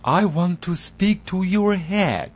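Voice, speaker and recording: A man voicing a bewildered foreign man who asks loudly for help, drawn out. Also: high voice, expressive, slow, lo-fi sound, pitched above the performer's own voice, heavily acted.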